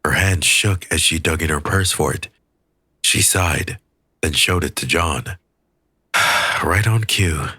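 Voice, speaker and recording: A man reading an audiobook in a measured, expressive storytelling manner. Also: extremely low pitch, husky, no echo, studio quality. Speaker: audiobook reader. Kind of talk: scripted audiobook narration.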